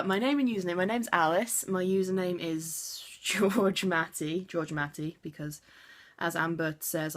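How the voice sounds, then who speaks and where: A young woman from Wiltshire, chatting to camera from her bedroom in a rambling, self-deprecating way. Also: fairly low pitch. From Wiltshire, England. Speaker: vlogger. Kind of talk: casual chat to camera.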